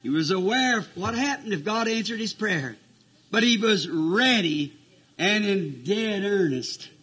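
A male preacher delivering a fervent sermon, impassioned and rising to shouts as he acts out prayers. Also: high-pitched, lively intonation, takes it slowly, husky.

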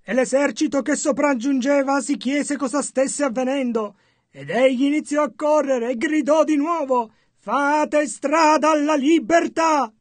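A man reading a sermon translation as a measured voice-over. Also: extremely high pitch, no echo. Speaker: interpreter.

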